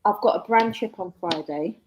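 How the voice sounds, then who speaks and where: A woman's voice: medium pitch, normal speed, slight background noise, low-quality recording. A woman, chatting casually as a guest author, reflective and laughing often. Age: 40s. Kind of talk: casual live chat.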